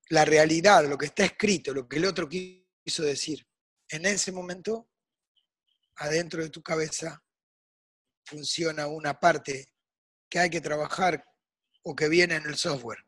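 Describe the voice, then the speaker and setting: Older Rioplatense man, guest musician, husky raised voice, emphatic and swinging between hush and shouts. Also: a little high, fairly even intonation, unhurried, pauses often. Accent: Rioplatense Spanish. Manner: emphatic, swings from hushed to loud. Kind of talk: impassioned interview monologue.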